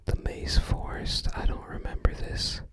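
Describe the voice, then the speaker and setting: An ASMR host murmurs unscripted thoughts while paging through a game guide book. The voice stays a soft, airy, unvoiced whisper, and the tone is calm and contemplative, with uncertain recollection.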